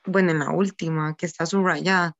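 A woman's voice: lowish voice, steady tone, fairly quick, fairly bright tone, muffled recording. A woman student politely asking a hesitant question in an online class.

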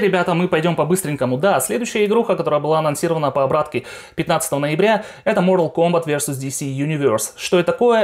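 A young adult man hosting a game collection video, talking informally and with opinions straight to his viewers. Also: on the high side. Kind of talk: casual chat to viewers.

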